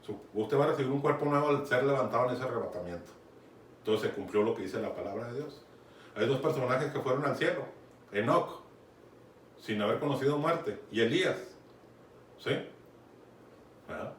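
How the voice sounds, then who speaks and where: With a Mexican accent, a man delivers a conversational Bible sermon, frequently checking in with his listeners. His pitch is medium, his pace moderate, and he pauses often; the audio is distant and echoey with faint noise.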